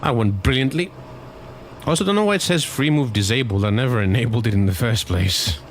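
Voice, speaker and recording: A man's voice: medium pitch, animated, fairly quick. A man streaming a racing game, muttering to himself and swearing casually, his voice cracking a little. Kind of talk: casual gameplay commentary. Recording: loud race car engine noise. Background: loud race car game audio.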